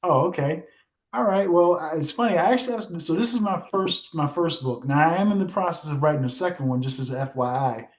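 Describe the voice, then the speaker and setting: A man's voice: fairly high pitch, a little fast. A young man, a guest author, talking earnestly in a casual podcast conversation, leaning on many fillers and restarts. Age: young adult.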